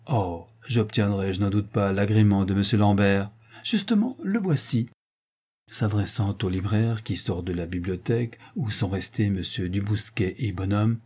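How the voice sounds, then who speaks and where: A man's voice: on the low side, normal speed, warm tone, husky. A man reading the part of a gracious, affable society hostess in a storybook reading.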